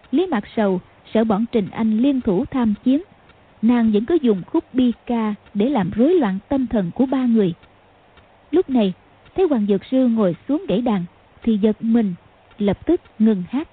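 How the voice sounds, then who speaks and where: A woman narrating a martial arts novel as an audiobook, with a steady, measured reading. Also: fairly high pitch, slightly rough. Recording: phone-like lo-fi sound.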